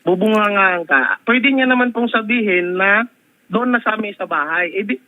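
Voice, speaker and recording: A man's voice: high voice, moderate pace. A man on a phone call, answering a complaint defensively and calling the host "sir" again and again. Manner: defensive, repeatedly saying "sir". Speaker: husband responding to a complaint. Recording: tinny phone line.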